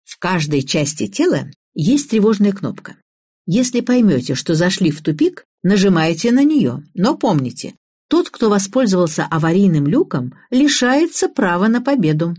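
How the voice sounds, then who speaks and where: A woman reading the part of a bossy middle-aged female game organizer, giving brisk commands in a somewhat husky voice. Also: mid-range voice, very animated, a little mellow, no room sound, clean studio sound. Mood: commanding.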